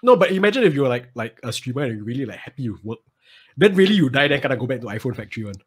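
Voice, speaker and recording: Singaporean man, Singlish, husky, animated intonation, casual joking chat, lah-heavy phrasing. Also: mid-range voice, very fast. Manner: colloquial Singlish with lah and ah particles.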